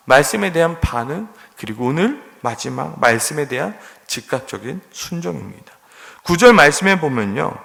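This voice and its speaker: A man preaching a sermon, earnest, moving from loud pleading to hushed near-whispers. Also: fairly high pitch, creaky. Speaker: pastor. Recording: long hall reverb.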